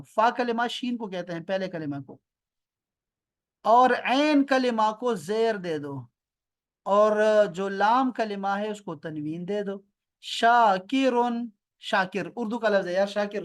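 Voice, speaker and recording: A male Arabic teacher with a Pakistani Urdu accent and a high voice teaches an online class by video call from his home near an airport. He patiently says terms slowly and repeats them, quizzing students by name.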